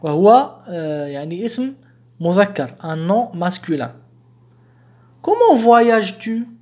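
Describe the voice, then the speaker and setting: A man teaching a beginner language lesson, saying each example slowly and clearly and then explaining it quickly, with patient restatements. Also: on the high side, animated, darkish tone. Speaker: French teacher.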